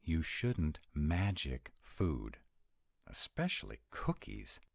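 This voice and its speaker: A man plays a grumpy, fussy, easily flustered were-dragon who loves food in a one-sided romantic comedy roleplay audio. His gravelly bass voice swoops wildly in pitch, heavily acted, slow and emphatic, dramatic and exasperated, in a sulky, puzzled mood. The recording is dry, with clean studio sound.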